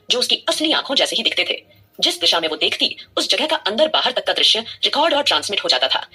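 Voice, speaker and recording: A woman's voice: mid-range voice, bright, forceful tone, husky. A woman narrating a scripted audio drama with dramatic storytelling.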